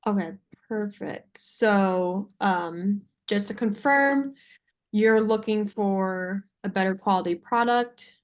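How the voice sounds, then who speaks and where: A young woman with a medium-pitched voice pitches to a buyer as a salesperson on a video call with screen sharing. She speaks slowly, informally and a little hesitantly.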